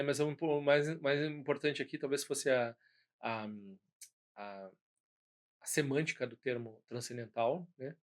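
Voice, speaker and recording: A man with a Brazilian Portuguese accent giving an informal spoken lesson as a Buddhist teacher, rambling with many restarts and tag questions. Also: medium pitch.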